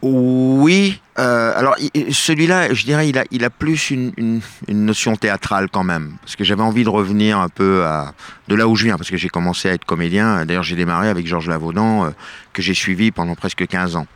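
Hesitant middle-aged man, low voice. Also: a little fast, a bit bright, smooth, dry recording. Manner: hesitant, many fillers and restarts. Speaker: stage actor and bandleader, interview guest. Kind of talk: radio interview.

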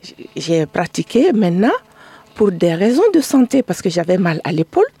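A woman's voice: fairly low pitch, big pitch swings, normal speed, dark tone, slightly rough, no room sound. A middle-aged woman from Burkina Faso, a guest telling her story in a chatty way in a radio studio interview.

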